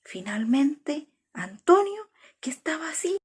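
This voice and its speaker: A woman telling a children's story in a slow, expressive way, with a husky, breathy voice and whispered asides. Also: sits high.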